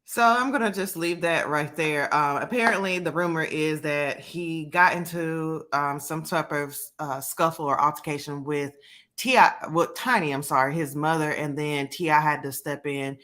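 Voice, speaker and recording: A woman's voice: sits low, fairly bright tone. Chatty woman hosting a commentary channel. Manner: hesitant, many fillers. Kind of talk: casual commentary to camera.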